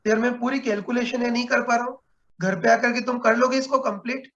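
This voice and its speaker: A man's voice: extremely high pitch, steady tone, brisk, a bit bright, highs cut off. A man teaching a physics class online, explaining step by step and checking in with students often. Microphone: video call.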